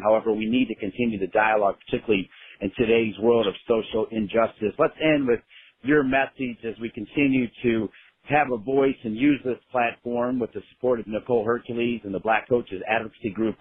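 A man's voice: on the low side, breathy edge, dry recording. A man hosting an interview, asking questions in a formal, complimentary way. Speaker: interview host. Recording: dry, tinny phone-line audio.

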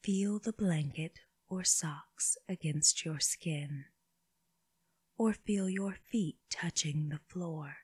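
This slow body scan meditation for children is guided by a woman whose low, breathy voice frequently drops almost to a whisper. She speaks softly in brief phrases with long pauses, and there's no echo.

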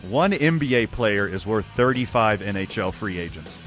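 A man's voice: lowish voice, lively intonation, normal speed, fairly bright tone, soft background music. A man co-hosting a sports radio show with casual, bantering talk.

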